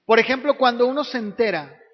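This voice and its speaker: A man preaching in a church, with a voice pitched notably high for a man. His words ring out with a long hall reverb, and the recording sounds dull and lo-fi. He keeps asking his listeners rhetorical questions. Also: brisk. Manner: preaches with frequent rhetorical tag questions, acting out voices of others. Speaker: pastor. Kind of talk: sermon.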